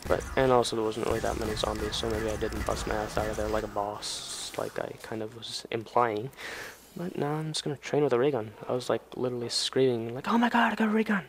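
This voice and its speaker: A man's voice: fairly low pitch, little pitch movement, brisk, vocal fry. Rambling young guy over game gunfire. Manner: rambling, chatty, swears casually. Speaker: gamer. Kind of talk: casual gameplay commentary. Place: home, at night. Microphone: desk or headset mic. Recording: game gunfire noise loud underneath. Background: video game gunfire and ambience.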